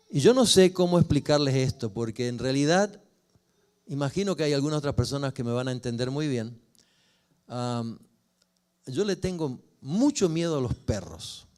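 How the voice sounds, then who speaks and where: An older man, a pastor telling a personal story in a sermon with expressive rises and falls. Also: medium pitch. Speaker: pastor and family counselor.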